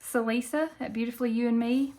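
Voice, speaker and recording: Speaking quickly in a slightly high, steady and somewhat mellow voice, this Tennessee woman hosts a budgeting video. She talks to viewers in a relaxed, folksy manner with a country Appalachian Southern accent.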